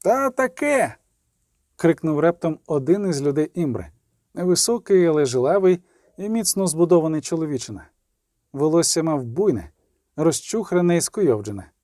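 A man narrating a story in an expressive, dramatic way. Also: a little high, brisk, no echo, clean studio sound. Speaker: audiobook narrator. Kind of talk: storybook reading.

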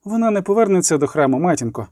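A man reading an audiobook voices a quiet young female temple adept who speaks softly and earnestly. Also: high voice, animated, brisk, dry recording, studio quality. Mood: pleading. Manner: soft, earnest.

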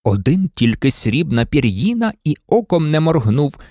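Expressive male storybook narrator. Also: fairly high pitch, normal speed, dry recording, clean studio sound. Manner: lively, expressive. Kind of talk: children's storybook reading.

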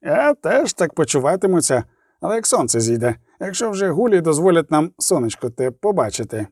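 A man voicing a gruff, boastful male dwarf warrior in an audiobook, grumbling and swearing. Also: fairly high pitch, big pitch swings, brisk, a little mellow, dry recording, studio quality. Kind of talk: audiobook character voice.

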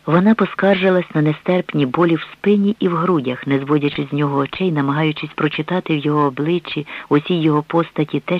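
A man reading a novel aloud in even, measured narration. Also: a little high, no echo. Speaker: audiobook reader. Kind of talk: scripted narration. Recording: dull dry radio recording.

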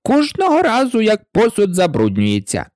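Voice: mid-range voice, normal speed, no room sound, voice pushed up. An eccentric, mournful hatter from a storybook, played by a reader who raises the voice noticeably. His speech swings widely up and down and keeps stumbling over hesitations as he rambles on. The reading is close and dry. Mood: rambling. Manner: rambling and excitable, with frequent hesitations.

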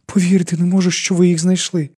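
A man reading an audiobook and voicing a distraught woman with a thin, strained, hoarse voice and a sharp, bitter manner. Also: high voice, a little fast, voice pushed up. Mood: tearful, dazed. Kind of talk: audiobook character voice.

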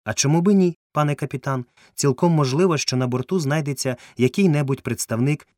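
A man's voice: on the high side, a little fast, no echo, clean studio sound, pitched above the performer's own voice, natural voice. A man doing a fussy, raised-voice male entomologist. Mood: pedantic, indignant. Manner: indignant, pedantic, excitable.

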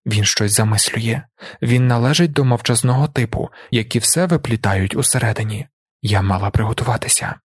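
A man's voice: mid-range voice, fairly quick, slightly rough, no room sound, clean studio sound, lightly acted. A man reading the lines of a fierce, protective noble mother in an audiobook, with a cold, threatening manner. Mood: inner thought.

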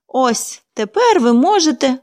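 A woman's voice: high-pitched, sing-song, a little slow, voice pushed up. A woman reading a storybook and voicing a cheerful, talkative little girl who speaks eagerly. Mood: bubbly.

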